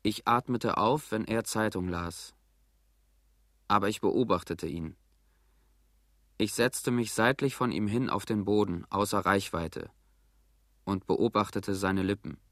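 A man reading a first-person literary text for an audio drama, in a measured, grave storytelling manner. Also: on the low side, a bit bright, dry recording, clean studio sound. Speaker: narrator.

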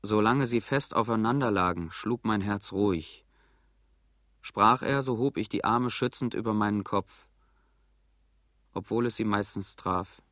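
A man reading a first-person literary text for an audio drama, in a measured, grave storytelling manner. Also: on the low side, a bit bright, no echo, studio quality. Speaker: narrator.

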